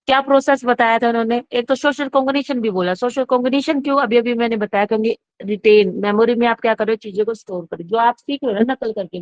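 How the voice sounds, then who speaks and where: A woman's voice: fairly high pitch, no echo. Hindi teacher woman, dry lo-fi lecture. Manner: repeats herself, self-correcting, asks and answers her own questions. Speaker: psychology teacher. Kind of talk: exam-prep lecture, casual Hindi-English mix. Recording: dry, dull lo-fi recording.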